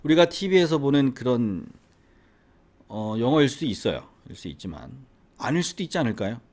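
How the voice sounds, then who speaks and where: Lively middle-aged man with faint Gyeongsang accent. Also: mid-range voice, brisk. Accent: faint Gyeongsang Korean. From Gyeongsang region, South Korea. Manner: rhetorical, keeps asking the viewer questions. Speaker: English academy owner and teacher. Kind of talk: casual educational monologue to camera.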